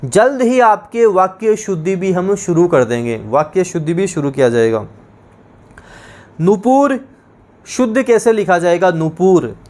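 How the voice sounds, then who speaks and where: A man teaching an online exam-prep class, repeating each point and answering his own questions. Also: sits high. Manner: reads English definitions slowly and deliberately.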